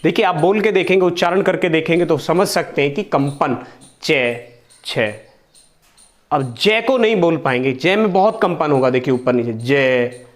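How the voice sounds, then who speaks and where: A young man teaching a grammar lesson, speaking slowly and repeating each sound for his pupils to copy. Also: sits high, animated. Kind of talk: online Hindi grammar lesson.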